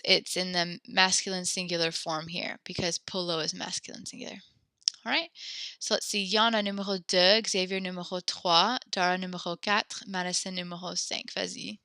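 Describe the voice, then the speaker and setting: A woman's voice: lowish voice, fairly even intonation, moderate pace, gravelly, sharp tone, clear, resonant tone, no echo. A young woman teaching a French class online, patient and encouraging, slightly out of breath, speaking close to the mic. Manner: encouraging, patient, explains step by step. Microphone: headset or desk mic close up.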